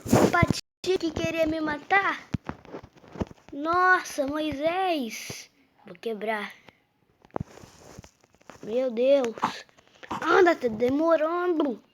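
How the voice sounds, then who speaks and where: A woman's voice: sits high, extremely slow, pauses often. A woman with a Brazilian Portuguese accent giving live gameplay commentary, impatient and repeatedly urging things along. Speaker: gameplay youtuber. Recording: loud background noise.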